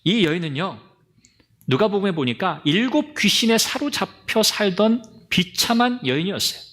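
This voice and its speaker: A male pastor giving a Sunday sermon with animated storytelling, speaking directly to his congregation and acting out the people in the story. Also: sits high, moderate pace.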